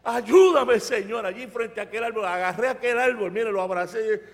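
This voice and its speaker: A man with a Puerto Rican accent preaching an animated, emphatic storytelling sermon from a church. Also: high voice, fairly quick. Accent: Puerto Rican Spanish. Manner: animated, emphatic, rising to loud outbursts. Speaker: pastor. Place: church sanctuary. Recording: reverberant church sanctuary.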